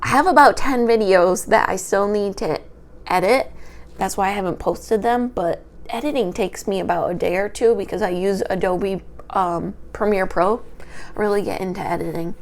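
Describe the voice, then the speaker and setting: A young woman studying history rambles through an unedited personal vlog, stumbling over her words as she talks into a small handheld microphone. Her voice is small and light, medium in pitch, and her pace is moderate.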